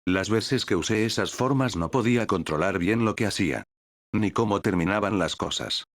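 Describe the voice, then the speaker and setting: A man's voice: fairly low pitch, lively intonation, normal speed, no room sound, studio quality. A man narrating a first-person fan story in a wry, casual manner. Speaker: fanfic narrator.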